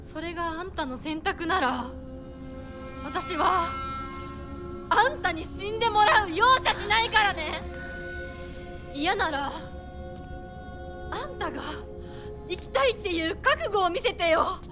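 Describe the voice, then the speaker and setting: Game role: desperate, fierce teen girl, very high, wide-swinging delivery, impassioned, over music. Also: animated, normal speed, long pauses. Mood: stern, challenging. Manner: impassioned, demanding, voice breaking into cries. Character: desperate, fierce teenage girl challenging her other self. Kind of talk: dramatic game cutscene voice acting. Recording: game audio with loud music.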